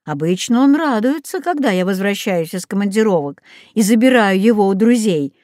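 A woman's voice: mid-range voice, animated, normal speed, darkish tone, dry recording, studio quality, lightly acted. A woman reading the lines of a polite grown man who owns a parrot, in a storybook.

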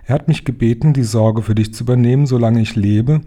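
A man voicing a serious, protective old grandmother who smokes cigars, speaking calmly and earnestly. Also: medium pitch, fairly quick, close to an everyday voice.

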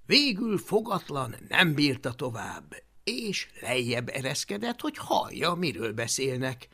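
An audiobook narrator telling a children's tale with a lively, swinging delivery. The voice is bright and carries a gravelly texture. It keeps the story moving with animated reading. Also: mid-range voice. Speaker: audiobook reader.

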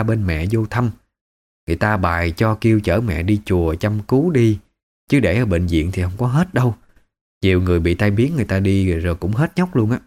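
A man's voice: fairly low pitch, a little mellow. A man with a Southern Vietnamese accent narrating a first-person family story in a conversational, emotive way.

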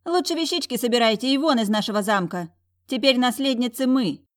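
A woman voicing a greedy, vain and bossy young noblewoman in a storybook, with a shrill, barking voice. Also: lively intonation, brisk, natural voice.

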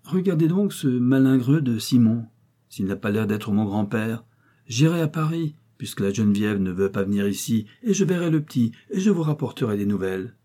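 A man voicing a sly, cheerful seventy-year-old miller who talks in a lively, mocking way. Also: medium pitch, moderate pace, natural voice.

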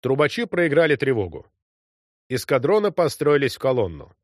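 A man's voice: mid-range voice, sing-song, normal speed, dry recording, studio quality. A man reading an audiobook story with vivid, dramatic narration.

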